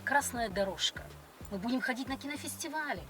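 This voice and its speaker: A woman's voice: on the high side, expressive, a little fast. A middle-aged woman chatting on a date in a grand, coquettish and condescending manner. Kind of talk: casual date chat. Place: inside a car. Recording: noisy car interior.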